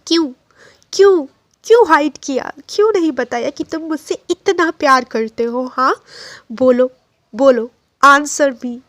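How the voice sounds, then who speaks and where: A woman's voice: high-pitched, unhurried, long pauses, no echo. A woman voicing a hurt, angry young man who bitterly accuses the friend who deceived him, mixing in English phrases. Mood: hurt, accusing.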